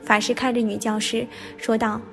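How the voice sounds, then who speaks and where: A woman calmly reading short parables aloud as a scripted podcast narration. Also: on the high side, creaky, soft background music. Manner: calm, measured reading of parables.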